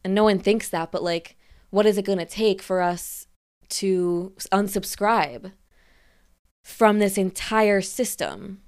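A woman's voice: medium pitch, slow, darkish tone, clear, resonant tone. A young woman ranting in a rambling, frustrated way, laughing between points and a little out of breath. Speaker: freelancer venting on camera. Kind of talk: casual monologue rant.

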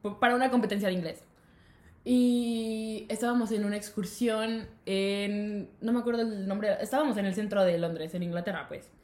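A young woman with a Mexican Spanish accent, co-hosting a casual podcast and telling stories in a giggly, animated way. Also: mid-range voice, normal speed, echoey room. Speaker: podcast co-host. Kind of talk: casual chat.

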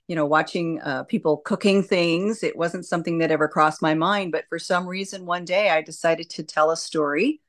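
Woman with a lowish voice chatting in an interview, nurse type explaining stuff thoughtfully. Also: steady tone, normal speed, hardly any pauses. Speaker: hospice nurse and educator, interview guest. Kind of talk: conversational interview answers.

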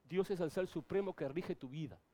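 A middle-aged male pastor preaching a sermon, moving between soft asides and loud, emphatic peaks. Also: fairly high pitch, brisk.

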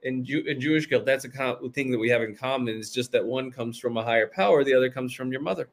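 A man's voice: medium pitch, fast talker. Rambling man comedian telling stories. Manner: rambling, many restarts, laughs at own stories. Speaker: comedian guest. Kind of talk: casual podcast storytelling.

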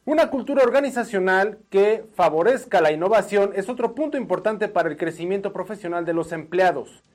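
A man's voice: sits high, animated, brisk, a little mellow. A man with a Mexican accent co-hosting a casual live talk show, playful and given to repeating his phrases. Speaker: co-host.

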